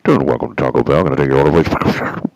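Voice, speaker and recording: A man putting on a fast-food worker's voice coming through a drive-thru speaker, rattling off orders in a loud, rushed, slurred patter. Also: rumbling low, creaky, slight background noise, voice pushed down, poor audio. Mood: hurried. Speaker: radio host.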